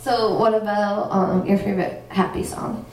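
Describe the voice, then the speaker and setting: A woman's voice: mid-range voice, flat delivery, normal speed, darkish tone, a little hiss or hum. A woman hosting a live music session, chatting casually and encouragingly with her guest. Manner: friendly and encouraging, short affirmations. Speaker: host and musician. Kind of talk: casual interview chat. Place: theater loft, live session. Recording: echoey room, mic far off, guitar behind.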